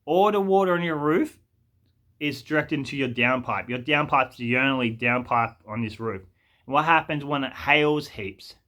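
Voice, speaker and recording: A man's voice: mid-range voice, moderate pace, sharp tone, close to an everyday voice. A man voicing a curt, rude male roofing tradesman who brushes off every problem bluntly. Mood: dismissive. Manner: blunt and dismissive.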